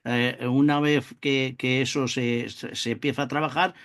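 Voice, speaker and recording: A man co-hosting the talk, measured and calm, steering the conversation with hesitant fillers. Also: mid-range voice, clear, resonant tone. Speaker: podcast co-host. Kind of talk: casual interview talk.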